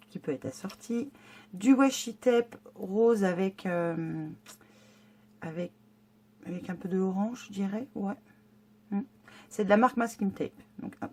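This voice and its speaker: A woman's voice: mid-range voice, a little mellow. Chatty French-speaking woman vlogger. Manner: chatty, hesitant, many fillers and restarts; enthusiastic about the items. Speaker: scrapbooking vlogger. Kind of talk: casual unboxing chat.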